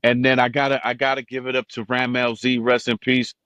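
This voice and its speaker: A man's voice: mid-range voice, brisk, no room sound. A man in his fifties, originally from Cuba, telling stories as a podcast guest and acting out the people he quotes. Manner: animated, acts out quoted people in raised voices. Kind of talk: casual storytelling interview.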